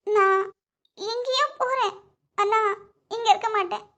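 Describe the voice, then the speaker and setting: A woman's voice: extremely high pitch, steady tone, measured pace, fairly bright tone, heavily acted. A woman voicing a lovesick, stubborn young woman in a cartoon, talking emotionally and pleading through tears. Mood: heartbroken.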